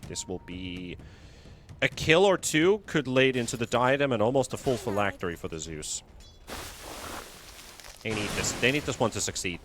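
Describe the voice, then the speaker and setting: A man's voice: mid-range voice, sing-song, moderate pace, long pauses. A man who is under the weather, giving live play-by-play commentary on a video game match. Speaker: esports commentator. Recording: noisy, game battle sounds behind.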